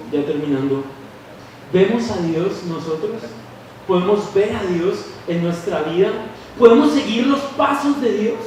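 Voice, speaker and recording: Young colombian guy preaching in a church, high voice, acts out the voices, sounds far off and echoey. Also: slight background noise. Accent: Colombian Spanish. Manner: animated, acts out voices of people in stories. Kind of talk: sermon with storytelling. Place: church hall.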